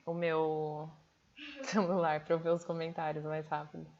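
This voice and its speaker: Fast-talking Brazilian woman hosting a live stream. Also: low-pitched, highs cut off. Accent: Brazilian Portuguese. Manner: fast, hurried talker. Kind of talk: casual live stream chat.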